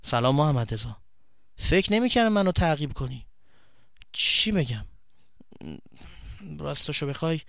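A man voicing a shy, embarrassed boy who speaks softly and hesitantly, with halting stammers. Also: a little high, very animated, dry recording, clean studio sound, pitched below the performer's own voice. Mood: sheepish. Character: shy, embarrassed young boy, soft-spoken.

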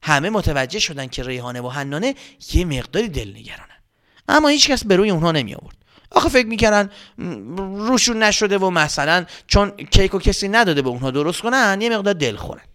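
A man narrating a children's story, animated, with exclamations and dramatic whispers. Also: sits high.

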